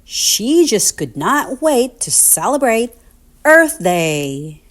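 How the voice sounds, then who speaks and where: This is read-aloud picture book narration for little kids by a female reader. Her voice sits on the higher side, her pace is unhurried, and her delivery bounces with lively sing-song energy.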